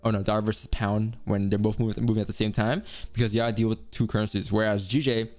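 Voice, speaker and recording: A man's voice: fairly low pitch, level tone, quick pace, a little mellow, faint music behind. A man hosting a live trading stream, chatting casually and explaining his reasoning aloud with frequent laughs and restarts. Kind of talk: casual live-stream chat and market commentary.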